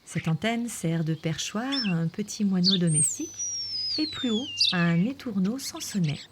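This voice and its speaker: A woman reading scripted nature documentary narration in a measured, explanatory way. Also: medium pitch, expressive, heavy background noise. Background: background music.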